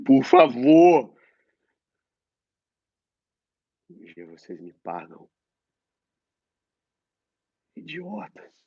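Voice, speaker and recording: A man's voice: mid-range voice, dry recording, pitched above the performer's own voice. A Brazilian man performing a monologue as a troubled young man locked in an asylum, pleading and anguished, on a dull lo-fi phone mic. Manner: anguished, pleading, wavering between loud and hushed. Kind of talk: theatrical monologue reading.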